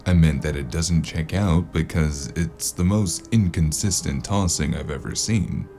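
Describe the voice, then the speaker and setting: A weary noir investigator with an extremely deep, gravel-filled voice narrates in the first person and acts out scenes from an audio drama. His delivery is unhurried, dry, and sardonically deadpan like a radio detective, with music clearly audible behind him.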